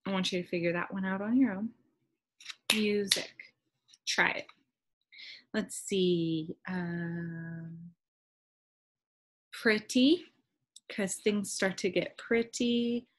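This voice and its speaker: Woman music teacher, slow unhurried pace, patient, counts rhythms aloud, frequent ums. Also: medium pitch, a bit bright. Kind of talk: remote classroom lesson.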